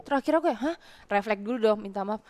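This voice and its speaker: A woman's voice: medium pitch, rapid-fire. A young woman from Indonesia, a guest in a casual interview, telling a childhood story and acting out the voices she quotes. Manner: lively storyteller who acts out quoted voices loudly. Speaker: guest, content creator.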